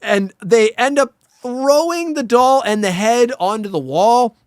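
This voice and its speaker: A man co-hosting a casual film discussion, retelling things in an animated, sweary way and acting out quotes. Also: very high voice, measured pace, no room sound, clean studio sound. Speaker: podcast co-host.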